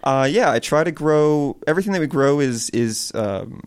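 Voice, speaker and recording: A man's voice: fairly high pitch, expressive, normal speed, smooth. A man from Connecticut who runs a small farm, earnestly explaining his work in an interview. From Connecticut, USA. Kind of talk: interview answers.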